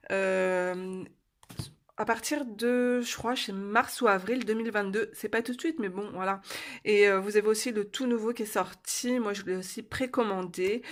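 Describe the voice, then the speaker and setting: A cheerful woman in her thirties talks casually while she colors. She hesitates a lot, stopping and restarting with fillers. Her voice sits at an ordinary middle pitch. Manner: cheerful, laughs easily. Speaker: coloring book YouTuber.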